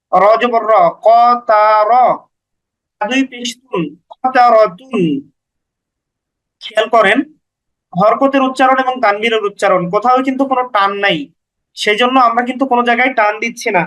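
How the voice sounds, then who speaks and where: A man's voice: extremely high pitch, normal speed, long pauses, fairly bright tone, poor audio. A man teaching beginners to read the Quran, spelling out each letter and vowel mark syllable by syllable with patient, brief explanations.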